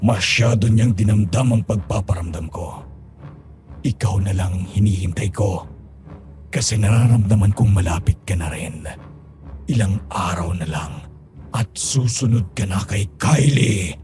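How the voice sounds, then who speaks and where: A menacing aswang creature played by a man drawls out his taunts in a slow, gloating tone. The voice sits fairly low, and a steady music bed plays clearly behind him throughout. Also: natural voice. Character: menacing male aswang, cruel and mocking. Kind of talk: horror audio drama acting.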